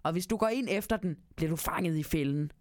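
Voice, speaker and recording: A woman's voice: on the low side, darkish tone, dry recording, lightly acted. A woman voicing a clever, bossy male Christmas elf who scolds a mouse, in a storybook reading. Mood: scolding.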